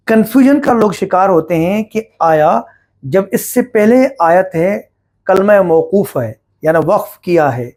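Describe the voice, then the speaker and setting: A man teaching Quran recitation rules, explaining patiently, asking and answering his own questions, and chanting verses slowly as examples. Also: high-pitched, a little mellow.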